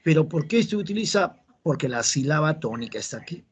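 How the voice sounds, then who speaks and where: A Peruvian Spanish-accented teacher speaks briskly in a slightly high, breathy voice with lively intonation. In his entrance-exam grammar lesson, he explains patiently, repeats the key rules, and quizzes the class.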